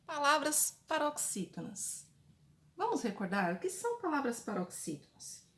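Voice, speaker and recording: A Brazilian woman teacher giving a slow, patient lesson to young pupils and repeating the key points. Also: high-pitched, big pitch swings. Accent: Brazilian Portuguese. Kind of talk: recorded online class for children. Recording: echoey room.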